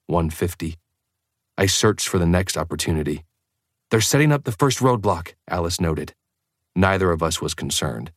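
A man with a very low voice narrating an audiobook in the first person. His delivery is measured and intense, and the recording is dry and close, with no room sound. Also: no room sound.

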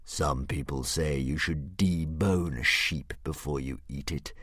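Huge gloating storybook dragon, put on by a man reading: very deep, slow, hissing menace, dry close mic. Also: a bit bright, no room sound, exaggerated voice. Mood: menacing. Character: huge, sneering, menacing philosophical male dragon.

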